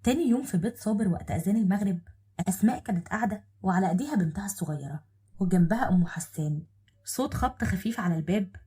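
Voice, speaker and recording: A woman with an Egyptian accent narrating a dramatic social story. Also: medium pitch. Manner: quick, expressive storytelling.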